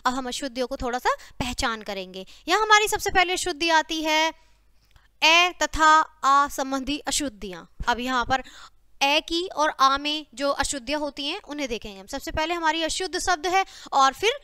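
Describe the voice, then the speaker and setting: A woman teaches a grammar lesson, saying each word twice and often pausing to check in with her students. Her voice sits high with a bright, clear edge. The sound is close and dry, with no room echo. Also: animated. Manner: repeats each word twice, says "ठीक है बच्चा" often.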